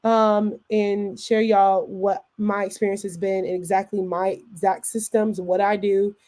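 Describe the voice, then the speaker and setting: A woman's voice: mid-range voice, level tone, unhurried, warm tone. A woman hosting a live stream, talking casually to viewers with many fillers and self-corrections. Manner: chatty, fillers and self-corrections, reads viewer comments aloud. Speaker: host of a live business stream. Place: in or near Atlanta.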